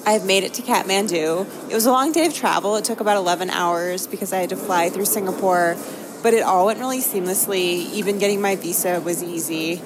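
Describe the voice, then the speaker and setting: A woman's voice: medium pitch, fairly quick, noisy background. An American woman from Maine hosting a travel show, narrating vlog-style in an upbeat, enthusiastic way. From Maine, United States. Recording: music behind the voice.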